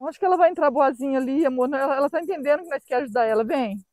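Brazilian woman, high soft coaxing voice, dry close phone sound, outdoor vlog. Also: racing, no room sound. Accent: Brazilian Portuguese. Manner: tender, coaxing, emotional. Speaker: vlogger rescuing a stray dog. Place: outdoors in scrubland by a car.

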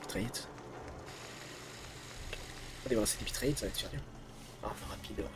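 A man giving casual let's-play commentary, excitable, swearing, and muttering to himself between outbursts. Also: on the low side, a little fast, background noise. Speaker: gamer streamer.

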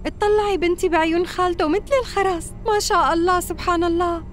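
A woman's voice: very high-pitched, fairly even intonation, quick pace, faint music behind. An actress with a Syrian accent playing a boastful, pushy mother in a dubbed prison drama. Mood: pushy, gushing.

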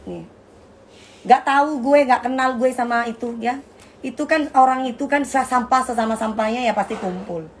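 A woman's voice: on the high side, moderate pace, slight background noise. A middle-aged woman hosting a casual live stream, brash and trash-talking, calling her viewers darling. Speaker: live-stream host selling bags.

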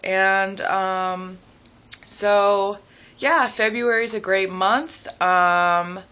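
A young adult woman chatting casually and personally to the camera at home, hesitant and reflective, pausing as she thinks aloud. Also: mid-range voice, steady tone, bright, forceful tone, clean tone. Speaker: vlogger. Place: small room at home, seated indoors.

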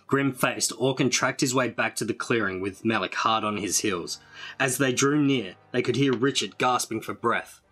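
A man reading a storybook aloud in a dramatic, measured way. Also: mid-range voice, fairly bright tone, breathy edge. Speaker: storybook reader.

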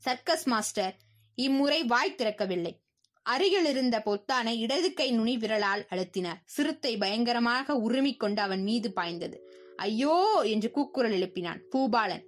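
A young woman, a college student, narrating a children's audiobook in an expressive storytelling manner. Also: a little high, moderate pace. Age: young adult.

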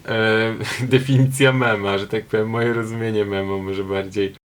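A young man talks through his commentary in a chatty, digressive way with a sarcastic streak. His pitch stays level and flat, and faint music plays under him. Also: moderate pace. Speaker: video commentator. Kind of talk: casual commentary.

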